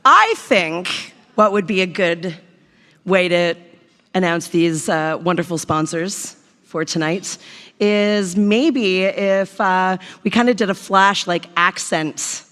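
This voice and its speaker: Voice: mid-range voice, slow pace, a bit bright. A co-host of a live awards gala, teasing a partner and introducing an award. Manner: teasing, bossy banter.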